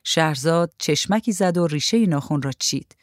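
A woman narrates a literary short story in a measured, even reading. Her voice sits low for a woman. The recording is dry and close, with no room sound. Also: no echo.

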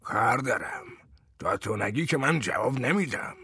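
Defiant madman, played by a man: husky, sharp-edged tone, mimics every question back. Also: medium pitch, expressive, no room sound, clean studio sound, exaggerated voice. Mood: mocking. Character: eccentric unhinged man mocking his interrogator.

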